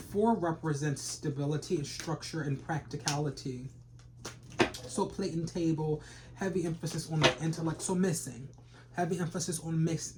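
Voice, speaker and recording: A man's voice: a little high, noisy background. A man giving a rambling, casual tarot reading full of slang and repeated phrases. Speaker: tarot reader.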